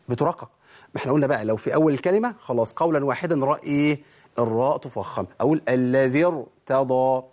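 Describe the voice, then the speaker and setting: A man with an Egyptian Arabic accent teaching tajweed rules, quizzing his listeners and answering his own questions. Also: a little high. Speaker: Quran recitation teacher. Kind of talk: tajweed lesson.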